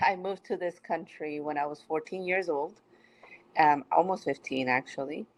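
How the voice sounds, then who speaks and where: A middle-aged woman from Mexico, a city manager, answering interview questions in a measured, explanatory way. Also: low-pitched, low-quality recording. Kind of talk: podcast interview.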